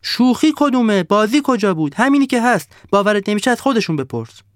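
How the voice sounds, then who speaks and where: A man's voice: sits high, very animated, dry recording, clean studio sound, voice pushed up. A man voicing a bossy, greedy snowman who barks rude orders at villagers in a storybook tale. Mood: angry. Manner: barking orders, rude and demanding.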